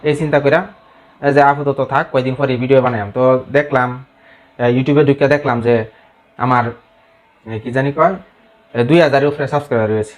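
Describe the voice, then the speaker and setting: A man's voice: mid-range voice, steady tone. Man speaking in Mymensingh Bengali dialect. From Mymensingh region, Bangladesh. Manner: rambling, dialect-heavy, halting with fillers. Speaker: vlogger. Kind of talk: casual talk to camera.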